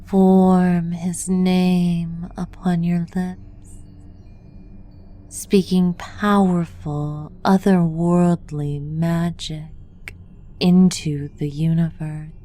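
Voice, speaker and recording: Her voice low-ish, soft at the edges, and dark, a woman guides a meditation in a hushed, incantatory way. Each phrase comes extremely slowly and deliberately, and her tone stays level.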